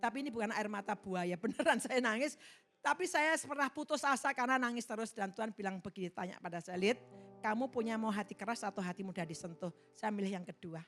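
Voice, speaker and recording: A middle-aged woman pastor preaching a sermon, emphatic, swinging from loud exhortation to soft asides. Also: medium pitch, quick pace, soft background music. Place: large church hall.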